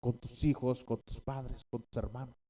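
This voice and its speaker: Dark-voiced pastor preaching. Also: male voice, mid-range voice, flat delivery, normal speed. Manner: repeats key phrases, checks in with the congregation. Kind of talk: sermon.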